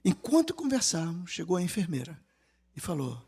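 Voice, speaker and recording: Man, Brazilian accent, middle-aged, sermon, high-pitched, animated storytelling, hushed to loud, voices his quotes. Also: brisk, husky, big-room sound. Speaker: preacher.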